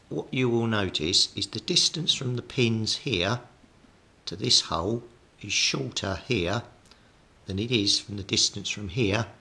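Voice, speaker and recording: With a lowish voice that sounds pushed and bright, this British man hosts a hobby electronics repair tutorial. He talks while working, laying out each practical step.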